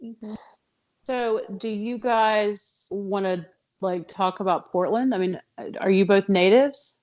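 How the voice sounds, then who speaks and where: A woman co-hosting a casual podcast, chatting in an animated way and often restarting her sentences. Her pitch sits in the middle for a woman. The audio is slightly dull and lo-fi. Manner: animated, quick to laugh, with many fillers and restarts. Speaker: podcast co-host. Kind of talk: casual chat.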